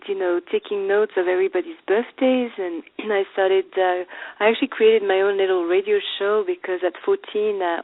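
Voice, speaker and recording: A woman's voice: medium pitch, no room sound. A woman from Finland, a guest astrologer, telling the story of her life in an interview and laughing as she goes. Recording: dry, phone-like audio.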